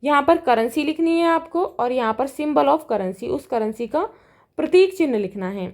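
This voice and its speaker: A woman teacher who works through a worksheet. She reads the English lines slowly and then explains them in Hindi. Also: sits high, animated, a little mellow.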